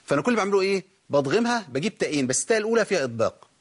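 A man's voice: high voice, big pitch swings, very fast, husky. A man with an Egyptian Arabic accent teaching Quran recitation, explaining each rule and asking and answering his own questions. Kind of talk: tajweed lesson.

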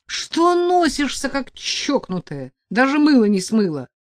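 A woman voicing a rude, bossy male thug who talks slowly and loudly in gruff threats. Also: sits high, big pitch swings, no room sound, studio quality, pitched above the performer's own voice. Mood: gruff, mocking.

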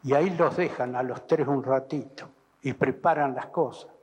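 Husky Argentine man testifying in hall. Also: mid-range voice, darkish tone. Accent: Argentine Spanish. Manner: halting, repeats and restarts, vivid retelling. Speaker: witness giving testimony. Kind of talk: recounting testimony. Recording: archive recording in an echoey hall.

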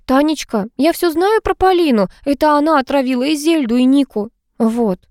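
A woman's voice: high-pitched, animated, moderate pace, darkish tone, dry recording, clean studio sound, pitched above the performer's own voice. A woman voicing a pushy, quarrelsome middle-aged housekeeper who fires off indignant questions in an audiobook. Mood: excited.

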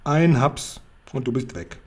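A man's voice: medium pitch, big pitch swings, unhurried, darkish tone. A man voicing a kind, big friendly male giant from a storybook, who talks in a folksy way and mangles his words. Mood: earnest. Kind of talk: bedtime story reading.

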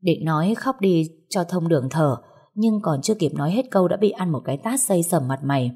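A woman narrating a first-person audiobook story in a steady storytelling manner. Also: lowish voice, a little fast, slightly rough.

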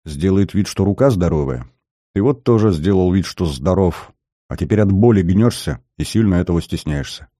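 Calm wry lieutenant, low dark voice, steady orders, read by a man. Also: moderate pace, no room sound, studio quality. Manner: level, commanding, wry. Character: calm young male lieutenant, dry commander.

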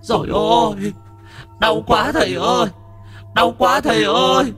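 A wailing old ghost, high and pained. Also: male voice, steady tone, moderate pace, pushed and bright, faint music behind. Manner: moaning, pleading.

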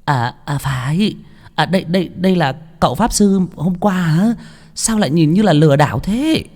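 A haughty middle-aged farm wife with a high shrill voice, talking down to everyone, scornful and curt, as a male storyteller puts her on. her pitch jumps way up and swings around. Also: animated, moderate pace, darkish tone. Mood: doubtful.

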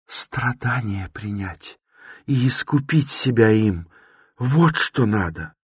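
A man's voice: on the low side, animated, slow, slightly rough, dry recording, studio quality, pitched above the performer's own voice, heavily acted. A man voicing a fervent young woman who pleads urgently in a raised, imploring voice, within a dramatic novel reading.

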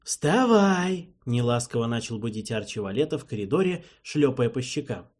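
A man's voice: medium pitch, fairly quick, darkish tone, husky. A man narrating a story in the first person, reading expressively. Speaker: audiobook narrator.

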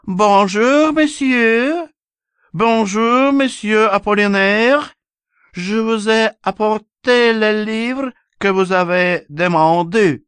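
A man voicing a clumsy, gushing young French lady in a breathy high falsetto with drawn-out phrases. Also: a bit bright, no room sound. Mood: sweetly polite.

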